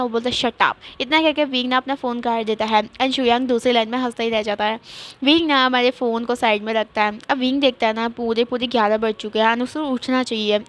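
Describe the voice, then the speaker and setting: A woman narrates a fan-written romance story in an easygoing, chatty manner. Her voice sits fairly high, and she often pauses on fillers and corrects herself mid-sentence. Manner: conversational, many fillers and self-corrections. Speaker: fanfiction storyteller.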